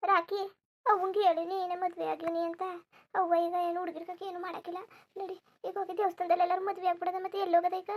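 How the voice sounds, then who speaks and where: A woman's voice: very high-pitched, little pitch movement, quick pace. A woman voicing a frightened young village bride in a cartoon, speaking timidly and anxiously. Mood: hushed. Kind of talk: cartoon dubbing.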